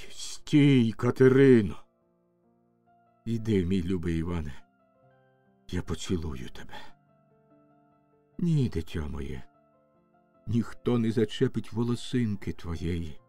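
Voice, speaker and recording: A man voicing a stern, proud Cossack warrior husband with a gruff, commanding delivery. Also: mid-range voice, darkish tone, dry recording, voice pushed down.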